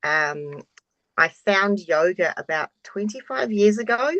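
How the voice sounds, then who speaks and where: A woman's voice: mid-range voice, animated, a little slow, a bit bright, no echo, lo-fi sound. A woman in her forties giving a frank, open introduction of herself on a video call, swearing now and then. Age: 40s. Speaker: course participant.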